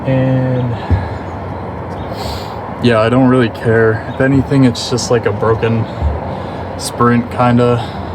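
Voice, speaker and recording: A man's voice: mid-range voice, little pitch movement, unhurried, background noise. A young man chatting casually to the camera in a laid-back, slangy way, sometimes talking with his mouth full. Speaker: vlogger. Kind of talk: casual vlog chat.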